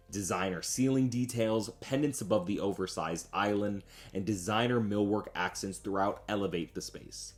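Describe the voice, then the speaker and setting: A man's voice: fairly low pitch, a little mellow. A man narrating a scripted promotional home tour as host, in an upbeat, polished travel-show manner. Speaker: real estate agent and home tour host.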